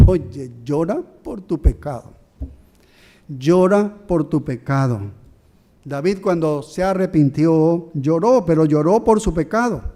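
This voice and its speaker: A man's voice: sits high, dark tone. A man preaching a sermon as pastor, often asking the congregation rhetorical questions and acting out the people he quotes.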